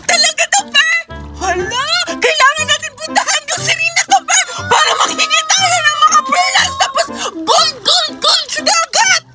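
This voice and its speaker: Woman doing a very high little cartoon girl. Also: normal speed, far from the mic. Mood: eager. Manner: excited, exclaiming. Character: eager excitable little girl. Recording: loud background music.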